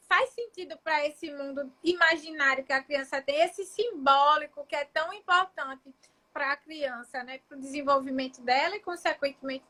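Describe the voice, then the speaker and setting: Very high, bright-voiced woman host. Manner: reflective, often asks "né?" and restarts her thoughts. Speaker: child psychologist and live-stream host. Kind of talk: casual explanatory live chat.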